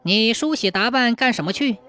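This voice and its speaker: A woman's voice: fairly high pitch, expressive, moderate pace, faint music behind. A woman voicing a sly, lecherous and cruel village man who snickers and bellows threats in a storybook tale. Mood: angry. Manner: leering snicker, shouting threats.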